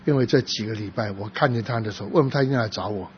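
A man preaching in a sermon, telling a story from his church work in a halting, soft-spoken way, with frequent restarts. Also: on the low side. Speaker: pastor. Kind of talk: sermon testimony. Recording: dull lo-fi with faint noise.

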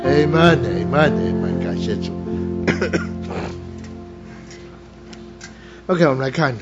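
A pastor leading a fervent, repetitive prayer and then a sermon. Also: male voice, medium pitch, animated, very slow, highs cut off, over loud music.

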